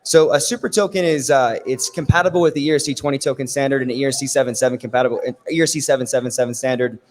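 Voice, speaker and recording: A man with a raspy, worn voice giving a technical conference presentation, explaining things step by step and often checking in with "right?". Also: medium pitch, steady tone, very fast, a little hiss or hum. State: losing his voice. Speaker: conference speaker. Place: conference stage in a large hall. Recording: long hall reverb.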